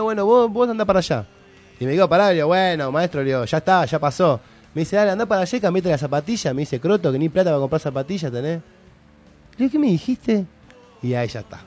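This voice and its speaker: A man's voice: high-pitched, darkish tone. A young man with an Argentine Rioplatense accent, co-hosting a radio show and telling a story in casual slang, acting out both sides of a quarrel. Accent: Argentine Rioplatense Spanish. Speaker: radio co-host.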